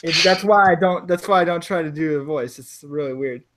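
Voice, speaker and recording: Running a tabletop game, a game master from South Florida talks a little high and a little fast in a fairly bright tone, with no accent. He's casual and chatty, leaning heavily on fillers, "like," and restarts.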